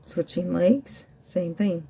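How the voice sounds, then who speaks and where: A woman's voice: on the low side, takes it slowly, gravelly, mellow, slight background noise. A woman working as a fitness instructor, coaching a home ab workout while demonstrating the floor exercises herself. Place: indoors at home.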